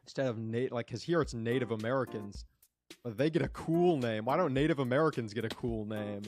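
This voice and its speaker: A man's voice: medium pitch, fairly quick, darkish tone, faint music behind. A man streaming a game, rambling casually and talking to his chat. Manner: rambling, chatty, talks to chat. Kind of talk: casual gameplay commentary.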